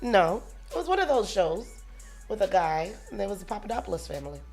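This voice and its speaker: A woman co-hosting a casual morning radio show, chiming in with quick replies and questions. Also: medium pitch, very animated, gravelly, darkish tone, breathy edge, soft background music. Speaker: radio co-host.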